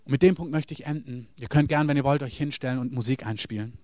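A man's voice: mid-range voice, fast, darkish tone, no room sound, studio quality. A man preaching a sermon, speaking earnestly and addressing the listeners directly.

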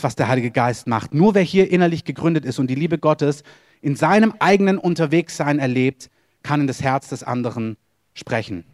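A pastor preaches a sermon in German, earnest and direct, questioning his listeners and swinging from soft lows into raised, emphatic runs. The sound is clean studio quality with no room sound.

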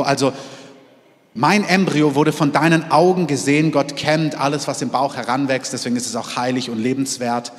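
A man preaching a sermon to his congregation, lively, moving between loud exclamations and quiet, intimate asides. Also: fairly high pitch, big-room sound. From half French, in Germany. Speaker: pastor. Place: church hall.

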